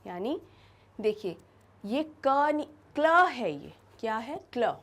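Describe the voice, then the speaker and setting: Woman, high-pitched, teacher explaining a lesson, Hindi mixed with English, slow repeated example words. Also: very animated. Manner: stretches out example words slowly and repeats them for emphasis. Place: classroom-style studio lesson.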